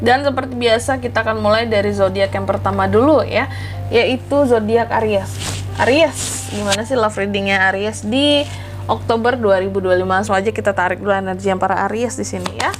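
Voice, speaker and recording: A woman gives a chatty, informal tarot reading straight to her listeners. Her medium-pitched voice is congested and nasal, as if her nose is fully blocked with flu. Music plays faintly behind her. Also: fairly quick. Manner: chatty, informal, addresses listeners directly, often giggles. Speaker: tarot reading channel host. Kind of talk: casual spoken tarot horoscope reading. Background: background music.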